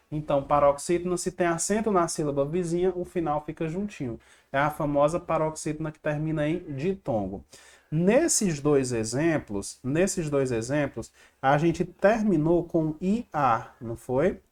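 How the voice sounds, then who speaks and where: A man's voice: on the high side, normal speed. A man teaching an online grammar lesson over slides. He quizzes the viewer, answers his own questions and repeats little rhymes to help them remember. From Brazil. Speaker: exam-prep teacher.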